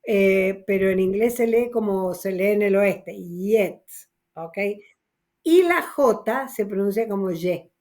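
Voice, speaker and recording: Unhurried woman teaching English grammar. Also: mid-range voice, animated, darkish tone. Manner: patient, explaining step by step with frequent "ok?". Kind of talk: online class teaching, mixing Spanish and English.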